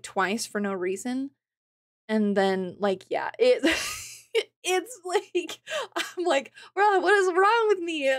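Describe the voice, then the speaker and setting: A woman's voice: medium pitch, no room sound, studio quality. A woman streamer in casual chat with her viewers, rambling and chatty with lots of filler words, laughing often between phrases. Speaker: game streamer.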